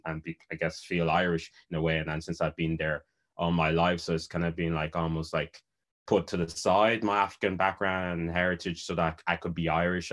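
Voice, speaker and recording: A man from Cameroon speaks in a very deep voice that barely rises or falls. He talks reflectively and unhurriedly, with small hesitations on fillers. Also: a bit bright. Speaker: panel guest. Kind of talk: casual conversation.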